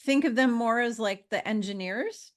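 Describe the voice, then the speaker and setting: A woman's voice: on the high side, moderate pace. Rambling woman in her fifties. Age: 50s. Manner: meandering, with frequent fillers and restarts. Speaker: guest. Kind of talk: casual conversation.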